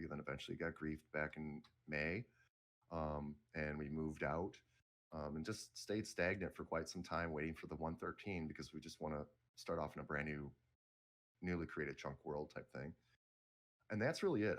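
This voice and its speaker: A middle-aged man talking casually as an interview guest, rambling and correcting himself as he goes. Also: rumbling low. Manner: rambling, self-correcting, laid-back.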